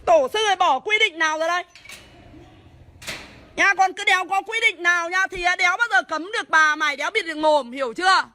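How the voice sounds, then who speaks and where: A woman, a homeowner shouting and swearing as she scolds police officers at her gate. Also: extremely high pitch, brisk. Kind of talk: heated real-life argument.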